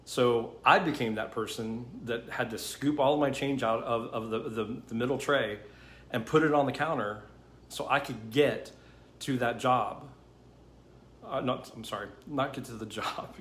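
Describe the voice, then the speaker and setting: A man's voice: medium pitch, a bit bright. A man hosting a storytime monologue, talking conversationally and repeating himself with lots of "you know" and "okay?". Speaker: host. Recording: roomy with faint background noise.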